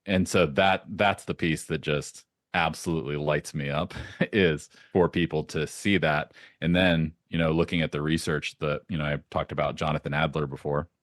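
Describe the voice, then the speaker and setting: A man being interviewed as a podcast guest, telling lively anecdotes and laughing often. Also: extremely low pitch, normal speed, no echo, studio quality. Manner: animated anecdotes with frequent laughs. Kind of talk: casual interview storytelling.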